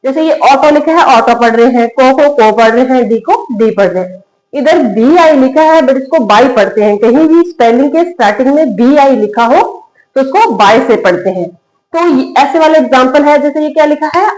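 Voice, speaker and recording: A woman's voice: high voice, a little mellow. A woman teaching a spoken English lesson, patient and repetitive, asking the viewer questions and repeating each word. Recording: echoey room.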